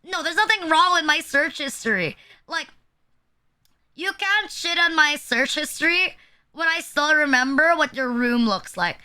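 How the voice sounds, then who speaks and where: A woman's voice: sits high, measured pace, pushed and bright. A young woman streaming live, chatting casually and bluntly, rambling with lots of "like" and crude jokes. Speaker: VTuber streamer.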